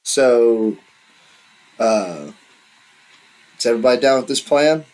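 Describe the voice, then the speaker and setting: A man at mid pitch running a tabletop session as dungeon master. He lays out the rules patiently and easily, with plain casual phrasing. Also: lively intonation, slow pace, darkish tone, low-quality recording.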